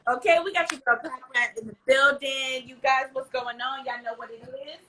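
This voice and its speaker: American woman host, somewhat high bright voice, slangy and effusive in casual conversation. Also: steady tone, brisk, low-quality recording. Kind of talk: casual live interview chat.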